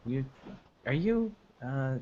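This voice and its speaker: A man's voice: medium pitch, big pitch swings, takes it slowly. A man narrating his character in a tabletop game, rambling with restarts. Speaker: tabletop player. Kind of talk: casual role-play chat. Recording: dull lo-fi sound with faint noise.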